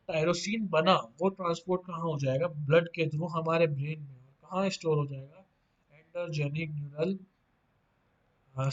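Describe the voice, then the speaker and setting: A man teaching a pharmacy lecture with a fairly high-pitched voice. He keeps asking questions and answering them himself, and drops in playful asides. The audio sounds dull and lo-fi. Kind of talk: online lecture.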